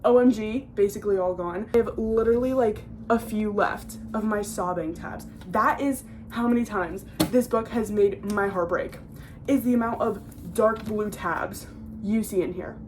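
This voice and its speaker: A woman's voice: medium pitch, moderate pace, noisy background. A teenage girl talking casually and emotionally at home about a book she is reading, full of fillers. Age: teens. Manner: gushing, emotional, filler-heavy. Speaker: book vlogger.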